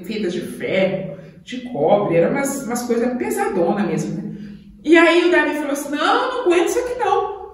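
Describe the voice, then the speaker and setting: A children's church teacher telling a Bible story in a lively, chatty way, full of little fillers. Her voice swoops up and down, heard from a distance in a very echoey room. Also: a little high. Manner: animated, conversational, many fillers. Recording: echoey room, voice far from the mic.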